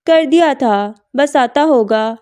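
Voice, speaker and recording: Lady reading as an anxious dad, high voice, slow audiobook read. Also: dark tone, clean tone. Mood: worried. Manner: worried, hurried. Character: anxious middle-aged father.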